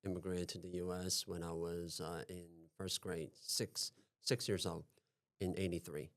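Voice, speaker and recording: Male podcast guest, forties, from Taiwan; very low voice, hesitant and repetitive delivery. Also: level tone, fairly bright tone. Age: 40s. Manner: hesitant, halting, repeats himself. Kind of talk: podcast interview.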